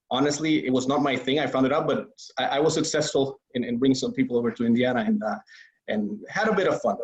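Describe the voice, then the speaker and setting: A man speaking as an entrepreneur guest on a webinar in a casual, earnest way, repeating words and using many fillers. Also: medium pitch. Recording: slightly dull lo-fi audio.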